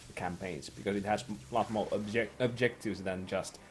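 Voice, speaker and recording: A man chatting casually about video games with a sarcastic streak and sudden loud outbursts while he plays. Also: on the low side, moderate pace, a little hiss or hum. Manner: excitable, sarcastic, bursts into loud shouts. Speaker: co-host playing a game. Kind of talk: casual gaming chat.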